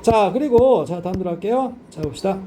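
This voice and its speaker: A man's voice: high voice, lively intonation, a little fast, noisy background. A man teaching an English grammar lesson, constantly checking in with students by asking if they understand. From South Korea. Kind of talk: classroom grammar lecture.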